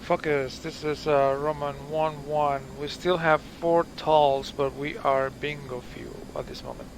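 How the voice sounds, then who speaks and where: A man speaking as a military pilot over a muffled, distant oxygen-mask radio, making clipped, drawn-out calls. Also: fairly high pitch, level tone, noisy background.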